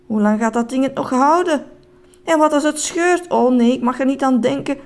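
A woman's voice: high-pitched, normal speed, a little mellow. A woman voicing a fussy, panicky man in a spacesuit who whimpers and shrieks. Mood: whiny.

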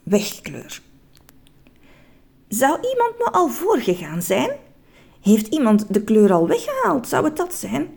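A woman narrating a children's story in an expressive, playful, suspenseful way. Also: on the high side, takes it slowly, gravelly, long pauses, slightly rough.

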